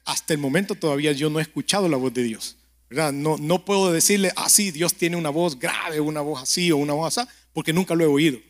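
A man preaching a conversational sermon and prayer, telling stories, speaking straight to the listener and often checking in with a quick question. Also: a little high. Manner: keeps asking the listener "¿verdad?".

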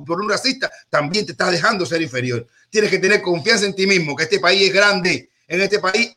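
In a loose, jokey talk-show monologue, a man with a high, very bright and forward voice holds forth. After stumbles, repetitions and restarts, he lands his point firmly.

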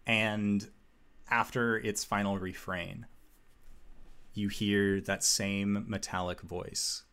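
A man acts as game master for a fantasy tabletop session. His voice is low and creaky, and he takes his time. He describes scenes with suspense and long pauses. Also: flat delivery, fairly bright tone.

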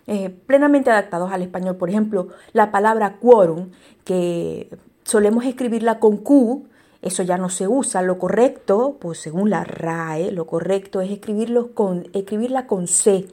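A woman teaching spelling rules, talking straight to her listeners and often pausing with fillers and restarts. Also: medium pitch, dark tone. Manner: hesitant, many fillers and restarts; addresses listeners directly. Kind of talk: explaining spelling rules to viewers.

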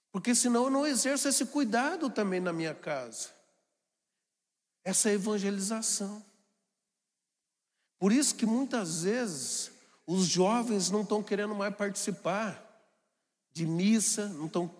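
A man preaching a homily with an animated, storytelling manner. His voice sits high for a man. Long reverb from the church rings behind him. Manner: animated, acts out family scenes in put-on voices. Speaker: priest.

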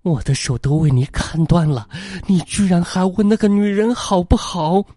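A man voicing an unsettling young wife in a horror story, sweet and tender in manner but turning shrill. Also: big pitch swings, measured pace, warm tone, no room sound, studio quality. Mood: hysterical.

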